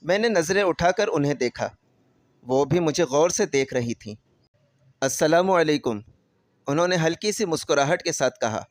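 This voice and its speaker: A man narrating a scripted first-person story in a steady, emotional storytelling manner. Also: on the high side, no echo, clean studio sound.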